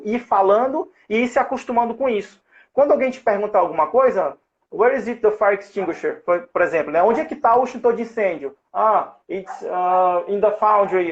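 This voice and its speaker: A man's voice: high voice, dull audio. A Brazilian man hosting a live interview, explaining in a didactic way with many fillers and restarts. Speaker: host and safety-at-work English teacher. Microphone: online live call.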